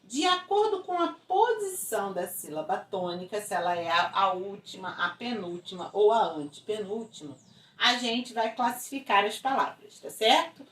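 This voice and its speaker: A female teacher with a Brazilian Portuguese accent records a video lesson for schoolchildren, walking through each step and repeatedly checking in with tag questions. Her mid-range voice has lively intonation, a moderate pace, and a fairly bright tone. She sounds distant, in an echoey room.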